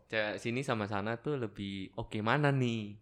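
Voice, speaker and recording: A young man co-hosting a casual podcast, joking around in lively, slangy banter. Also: on the low side, moderate pace. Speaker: podcast co-host. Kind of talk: casual chat.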